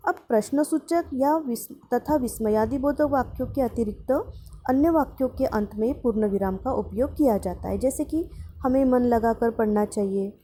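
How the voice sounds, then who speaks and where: A woman teacher giving a grammar lesson to students, explaining patiently and slowly repeating example sentences. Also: a little high, dark tone.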